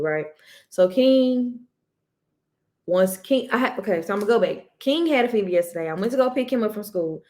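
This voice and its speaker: A woman's voice: mid-range voice, darkish tone. A woman co-hosting a podcast, telling a family story about her child in an earnest, casual way, often restarting and circling back to make her point. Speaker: podcast co-host; mother.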